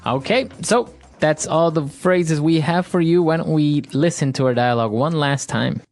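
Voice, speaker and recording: A man's voice: fairly high pitch, normal speed, loud music behind the voice. A man from Ecuador hosting an English lesson podcast, explaining phrases with everyday examples. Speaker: podcast host, English teacher.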